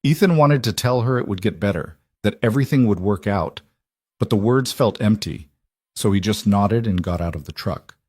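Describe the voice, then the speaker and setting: A man narrating a dramatic story in an even, measured scripted reading. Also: fairly low pitch, slightly rough, no room sound, clean studio sound.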